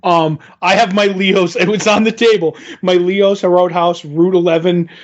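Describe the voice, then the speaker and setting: A man's voice: high voice, steady tone, unhurried, lo-fi sound. A man in his fifties, a podcast co-host, telling a rambling story in casual chat and acting out what everyone said. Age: 50s. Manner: rambling storyteller, acts out quoted exchanges, laughs easily.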